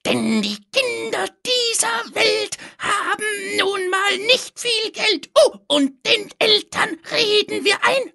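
Schriller, empörter kleiner Kerl mit Falsettstimme. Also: male voice, very animated, slow, creaky, few pauses, pushed and bright, exaggerated voice. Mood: mocking song. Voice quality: shrill, singsong. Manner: indignant, mocking, sings and drawls in a falsetto. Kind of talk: audiobook character voice.

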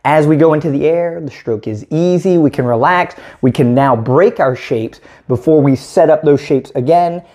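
Paddling coach, man in his 30s, mellow tone, methodical demo, small room. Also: on the high side, normal speed, few pauses. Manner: clear, methodical explaining while demonstrating strokes. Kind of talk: instructional demonstration.

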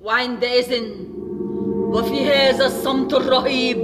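An actress playing a sharp-tongued Egyptian mother who loves telling spooky stories in a theatrical voice. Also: high-pitched, little pitch movement, normal speed, close to an everyday voice. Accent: Egyptian Arabic. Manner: theatrical spooky narration, snapping orders. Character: bossy dramatic storytelling mother, sharp-tongued. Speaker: mother telling a scary story. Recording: music score behind her.

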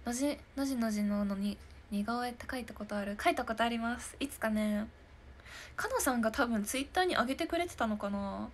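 Chatty giggly girl in her 20s answering comments on a stream, voice a bit high, faint room noise. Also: a little fast. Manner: giggly and chatty, often laughing. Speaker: idol hosting a live stream talk show. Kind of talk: casual chat answering viewer comments.

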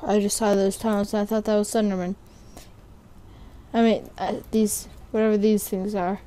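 A young woman commenting on a horror game as she plays, jumpy and sarcastic, thinking out loud. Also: medium pitch, level tone, normal speed, a little hiss or hum. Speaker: gamer playing a horror game. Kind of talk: let's play commentary.

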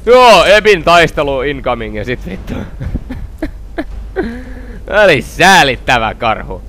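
A man giving excitable let's-play commentary, swearing constantly and yelling at the game. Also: fairly high pitch, slight background noise. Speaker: gaming video host.

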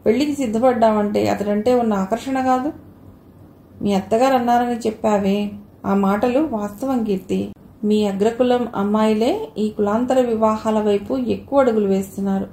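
A woman voicing a frank young female friend who reasons things through calmly in a narrated audio novel. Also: fairly high pitch, close to an everyday voice. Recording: echoey room, faint hiss.

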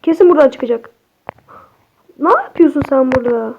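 A young woman, a native Turkish speaker, gives excitable, chatty horror game commentary to her viewers, cursing at the game as she plays. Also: high voice, fairly quick, gravelly, highs cut off. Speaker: gaming streamer.

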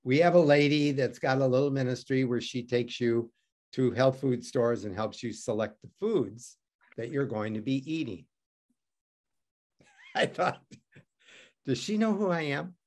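A man from Detroit telling a personal story as an interview guest, wry and self-mocking, acting out the other people in it. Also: mid-range voice. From Detroit, United States. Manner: animated, wry and self-mocking, acts out voices in his story.

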